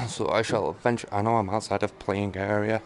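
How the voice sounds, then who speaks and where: With a lowish, creaky voice at a moderate pace and a steady tone, a gaming streamer offers casual live commentary, muttering and exclaiming to himself with self-deprecating jokes. Game ambience and noticeable background noise are audible.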